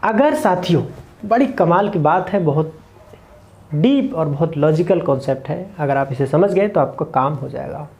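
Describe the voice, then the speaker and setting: A man's voice: a little high, expressive, moderate pace, creaky, a little mellow. A man teaching meditation to camera, explaining earnestly and repeating key points in short lists. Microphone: camera mic, speaking to camera.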